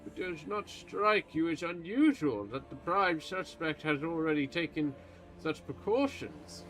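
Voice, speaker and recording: A man's voice: fairly high pitch, measured pace, fairly bright tone, voice pushed up, low-quality recording. A man voicing an aging male church pontifex who is stern and secretive, speaking in a formal, haughty, old-fashioned way. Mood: accusing. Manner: formal archaic speech, haughty and accusing.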